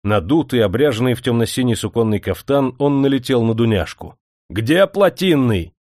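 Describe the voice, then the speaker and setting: A male audiobook narrator tells the story at a steady, measured pace, his voice pitched at an ordinary middle. The recording is close and dry, with no room around it. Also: no echo. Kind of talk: scripted narration.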